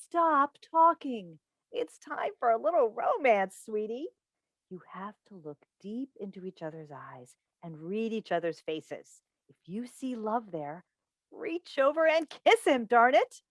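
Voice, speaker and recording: In a staged play reading, a woman takes on the role of a chatty, coaxing radio call-in host who is also a doting, meddling mother, delivering it emphatically and theatrically. Her voice sits a little high with lively intonation and a measured pace, and the mood is coaxing and teasing. The dry recording was made indoors over a video call.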